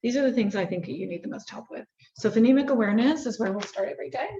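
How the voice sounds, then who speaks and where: A woman leads a one-on-one phonics lesson with short, patient prompts. Her voice sits a little high. The recording is roomy and dull. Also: very fast, warm tone, a little hiss or hum. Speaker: reading tutor.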